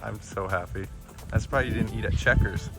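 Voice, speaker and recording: A man's voice: lowish voice, steady tone, brisk. A young man, a disc golf pro, vlogging his tournament outdoors in a laid-back, joking way. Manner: laid-back, jokey, laughs at his own bits. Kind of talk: casual vlog narration. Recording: background music under the voice.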